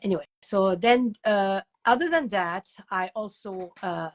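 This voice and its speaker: This older woman, a guest author and educator, answers interview questions conversationally at a middle pitch and a slightly slow pace. Animated in her storytelling, she drifts into asides and repeats words for emphasis.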